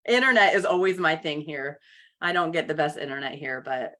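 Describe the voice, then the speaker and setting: A woman's voice: sits low, expressive, moderate pace, sharp tone. A woman hosting a live coaching call over video, chatty and upbeat, greeting viewers by name. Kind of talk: casual live coaching chat.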